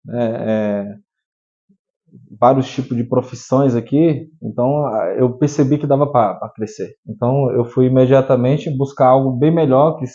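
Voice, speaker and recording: Hesitant Brazilian man from Piauí, mellow. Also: mid-range voice, normal speed, highs cut off. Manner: hesitant, many restarts and fillers. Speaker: guest, entrepreneur. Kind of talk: telling his life story in an interview.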